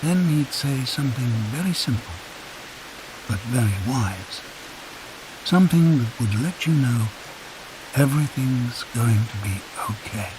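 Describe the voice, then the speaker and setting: A man narrating a guided sleep meditation in a soft, calm, unhurried storytelling voice. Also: medium pitch. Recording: hissy recording with rain sounds behind. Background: rain.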